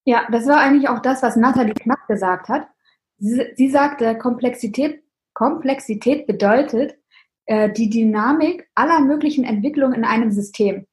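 A woman's voice: fairly high pitch, moderate pace, rough recording. A woman hosting a career podcast, introducing her guest and asking friendly questions. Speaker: podcast host. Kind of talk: podcast interview.

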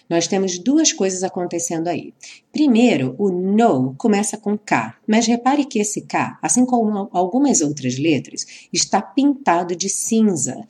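Slow, lively-voiced woman teaching English. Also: fairly low pitch. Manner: slow, careful, drawn-out model sentences. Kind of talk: explaining English for Portuguese speakers.

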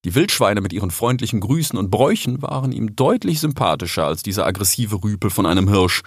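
A man narrating a children's animal story as an audiobook, in an expressive storytelling manner. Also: on the low side, a little fast, husky, no echo, clean studio sound.

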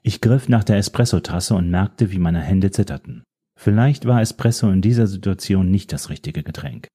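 Man reading with a very dark, husky voice. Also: sits low, expressive, normal speed. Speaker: audiobook narrator. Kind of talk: scripted first-person audiobook narration.

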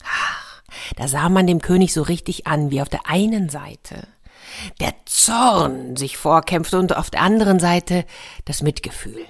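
Lady reading a kids' fairy tale, low voice, lively and chatty with the listeners. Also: a little slow, creaky. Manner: lively, expressive, addresses listeners directly. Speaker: storyteller. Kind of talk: children's story reading.

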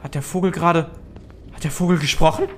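A jittery, suspicious man, acted by a male game master, high in pitch and stammering with agitation. It is tabletop role-play, with clear noise in the background. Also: steady tone, fast talker, natural voice. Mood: startled. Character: frightened, suspicious man behind a locked door.

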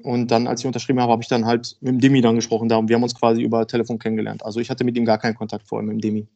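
A man in his thirties from Germany, a football player talking frankly and a bit haltingly as a podcast guest. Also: medium pitch, flat delivery, creaky, dark tone, dull audio. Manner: frank, rambling, hesitant. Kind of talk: casual podcast interview.

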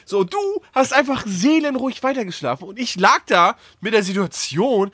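Lively high-voiced German podcast man. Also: brisk, slightly rough, no echo, clean studio sound. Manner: animated storyteller, acts out voices. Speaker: podcast co-host. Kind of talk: casual podcast chat.

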